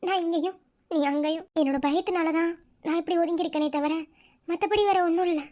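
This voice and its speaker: Spirited young Madurai wife in a cartoon; high, bright, teasing. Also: female voice, fairly even intonation, fairly quick. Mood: tender. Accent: Madurai Tamil.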